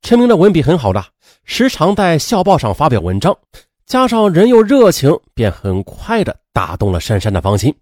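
Animated male true-crime storyteller, close dry sound. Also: a little high, normal speed, no echo. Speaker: narrator of a true crime audio program. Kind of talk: lively spoken storytelling narration with conversational asides.

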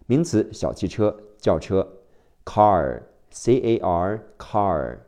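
A male teacher drilling English word spellings letter by letter, slow and deliberate. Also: low-pitched, very animated, mellow. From China.

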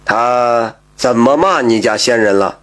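Brief: male storyteller doing a shrewd old-time magistrate, low and deliberate, storybook telling. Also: sing-song. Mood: stern.

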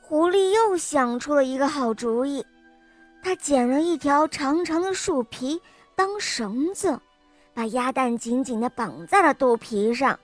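A woman narrating a children's picture book, gentle and expressive, talking to young listeners. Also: high voice, a little slow, soft background music. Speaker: children's storyteller. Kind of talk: storybook narration.

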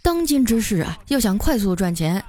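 A woman's voice: medium pitch, big pitch swings, moderate pace, dark tone. A woman voicing a laid-back male coworker who speaks in a dry, matter-of-fact way. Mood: deadpan.

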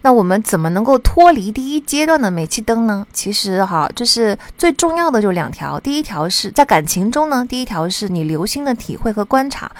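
A woman hosting a solo podcast on psychology, talking in an earnest, chatty way with lots of soft sentence particles as she gives advice. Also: mid-range voice, sing-song, a little fast, hardly any pauses. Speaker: podcast host.

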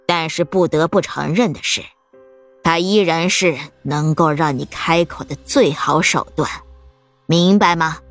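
A woman voicing a cold, menacing old woman sorcerer who speaks slowly and threateningly. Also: low voice, pitched below the performer's own voice. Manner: slow, icy, threatening.

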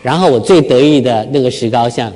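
A man's voice: mid-range voice, brisk, mellow. A middle-aged man from Taiwan giving a public talk, telling stories about himself with self-deprecating humor. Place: lecture hall with live audience.

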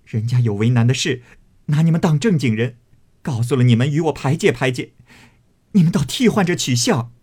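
A man's voice: lowish voice, expressive, unhurried, long pauses, dark tone, breathy edge, exaggerated voice. A man reading the part of a proud, fiery young maidservant who answers sharply and with indignation. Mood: furious.

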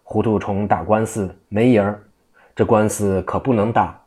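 A man's voice: lowish voice, steady tone, moderate pace, a little mellow, slightly rough. A man voicing a scruffy, eccentric old monk who teases and mocks in cheeky banter. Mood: mocking.

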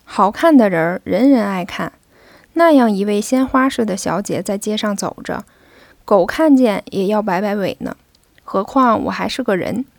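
A woman's voice: medium pitch, lively intonation, moderate pace, gravelly, a little mellow, no room sound. A woman voicing a sly, joking male servant who banters with his young master, in a storybook reading. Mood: bantering. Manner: cheeky, bantering.

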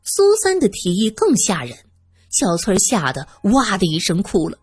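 Lively, husky-voiced woman narrating a story. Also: medium pitch, normal speed. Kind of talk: serialized audiobook narration.

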